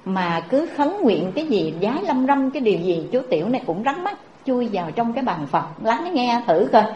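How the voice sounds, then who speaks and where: A woman's voice: on the high side, a little fast, a little hiss or hum. Southern Vietnamese woman preaching. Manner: animated, addresses the audience directly. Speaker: Buddhist preacher. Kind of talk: sermon with storytelling. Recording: dull echoey recording.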